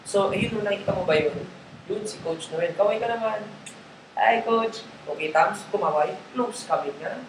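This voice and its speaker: A man's voice: high-pitched, moderate pace. A man coaching a group in a live training session, talking casually in Tagalog mixed with English and checking in with listeners often. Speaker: network marketing trainer. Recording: roomy echo, faint background noise.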